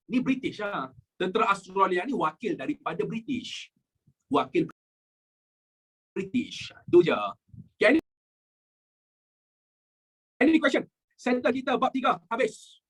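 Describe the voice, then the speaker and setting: A man's voice: very high-pitched, sing-song, normal speed, long pauses, a bit bright, low-quality recording. A young Malaysian man teaching a live online history class, jokey and repeating his key points, mixing in English phrases.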